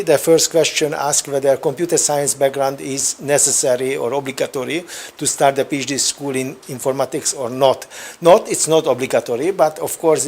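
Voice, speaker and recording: A man hosting an online open day, reading and answering a question with frequent fillers before he introduces the next speaker. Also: medium pitch. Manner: hesitant, with many fillers. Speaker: host. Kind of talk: moderating an online Q&A.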